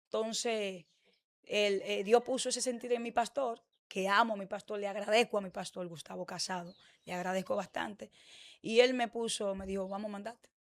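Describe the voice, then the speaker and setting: A woman's voice: mid-range voice, moderate pace. A woman pastor with a Dominican accent, giving her testimony in an interview and acting out the dialogue she quotes. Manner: animated storytelling, acts out quoted dialogue.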